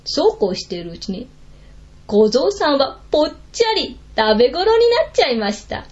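A woman narrating a folk tale in an animated, dramatic storytelling manner. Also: high voice, normal speed. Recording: lo-fi recording.

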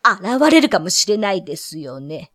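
A woman's voice: mid-range voice, big pitch swings, moderate pace, fairly bright tone, dry recording, studio quality. A woman voicing a flustered middle-aged male town mayor who stammers and hesitates.

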